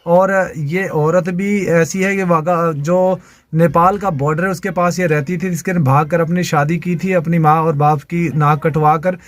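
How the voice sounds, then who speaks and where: A man's voice: fairly high pitch, steady tone, measured pace. A man giving indignant, repetitive commentary over videos.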